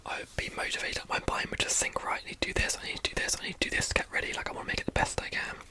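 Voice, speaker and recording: A young adult speaking in a fast, breathy ASMR whisper, rambling informally and repeating words while answering questions. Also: sharp tone.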